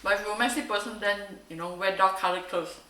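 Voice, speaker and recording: Young woman cooking vlogger, chatty and self-mocking, bright voice, roomy kitchen sound. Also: mid-range voice, fairly even intonation, fast, far from the mic, a little hiss or hum. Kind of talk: casual cooking vlog.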